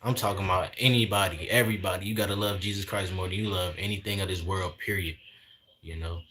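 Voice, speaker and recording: A man's voice: low-pitched, fairly even intonation, fast, pushed and bright. Young man preaching casually on livestream. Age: 20s. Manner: preachy, repetitive, sprinkles in "man" and "y'all". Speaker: livestream host.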